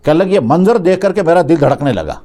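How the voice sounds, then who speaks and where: A man with a high-pitched voice delivers a storytelling sermon. He retells the story in an easy spoken way and restarts his sentences as he goes. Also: expressive, mellow. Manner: retells a story, acting out its dialogue; speaks with conversational restarts. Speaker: preacher.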